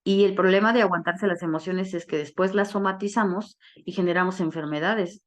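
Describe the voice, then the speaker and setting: Woman, low voice, support group talk, storytelling, acts out quoted dialogue. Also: fairly even intonation, a little fast. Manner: frequent tag questions. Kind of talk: personal testimony talk.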